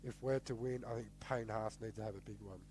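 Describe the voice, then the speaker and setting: A man's voice: on the low side, fairly even intonation, fast talker, darkish tone, slight background noise. A man with an Australian accent, co-hosting a casual sports podcast, laid-back but firm in his opinions and often answering briefly. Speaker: podcast co-host.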